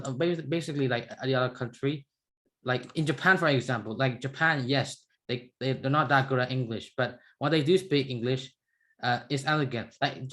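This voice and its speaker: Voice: medium pitch, a bit bright. Rambling student. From Myanmar. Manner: rambling, many restarts and "like". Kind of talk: online class discussion.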